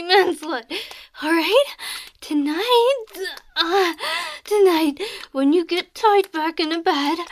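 A woman voicing a small, crude, domineering goblin maid in an adult audio role-play, taunting and giving orders between breathy gasps. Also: very high-pitched, heavily acted.

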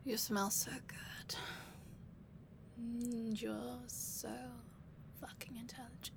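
A woman playing a seductive, commanding bank robber in an intimate ASMR role-play, with breathy, sultry pillow talk and lingering pauses. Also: on the high side, little pitch movement, noisy background.

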